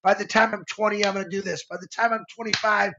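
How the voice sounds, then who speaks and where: A man's voice: high-pitched, steady tone, fast, bright, forceful tone, dull audio. A man in his fifties co-hosting a live motivational talk, earnest and rambling, restarting his sentences as he goes. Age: 50s. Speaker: show co-host.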